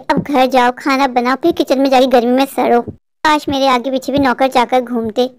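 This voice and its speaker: A woman's voice: sits high, darkish tone. A woman voicing a discontented young wife in a cartoon dub, complaining bitterly about her poor life.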